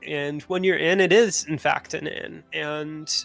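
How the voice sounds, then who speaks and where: A man narrating as game master in a tabletop game, rambling with frequent pauses and restarts. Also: fairly high pitch, steady tone, creaky, a bit bright, soft background music. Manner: rambling, many uhs and restarts.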